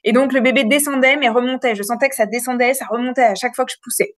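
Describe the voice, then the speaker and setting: A woman in her thirties frankly telling a long personal story in a casual, animated way, with many fillers. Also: on the high side, quick pace, dry recording, clean studio sound. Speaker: interview guest.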